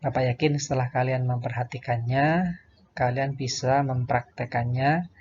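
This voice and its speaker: A man teaching young children to recite verses, chanting each line slowly and then explaining the pronunciation patiently. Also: mid-range voice, fairly even intonation, darkish tone, muffled recording, a little hiss or hum. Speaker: primary school religion teacher. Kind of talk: slow recitation lesson for children.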